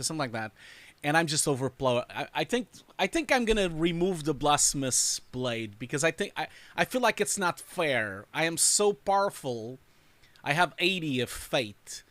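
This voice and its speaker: A man's voice: a little high, fairly bright tone, no room sound. A man hosting a live stream, chatting casually and rambling, laughing often. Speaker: host reviewing showreels. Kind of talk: casual livestream chat.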